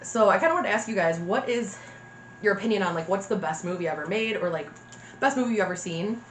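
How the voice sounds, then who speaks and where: A woman's voice: medium pitch, quick pace. A young woman hosting a mukbang, chatty and giggly, talking with her mouth full. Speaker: mukbang host. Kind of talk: casual chat. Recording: echoey room with faint noise.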